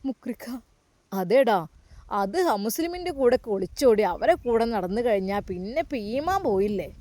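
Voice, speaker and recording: Fields. Figure: woman-voiced old mosque caretaker, fatherly and fussing. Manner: coaxing, questioning, pitch pushed a little above her own. Sound: dry and close. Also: expressive, normal speed, a little mellow, no room sound. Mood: firm lecturing. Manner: coaxing, repeats tender address, many questions.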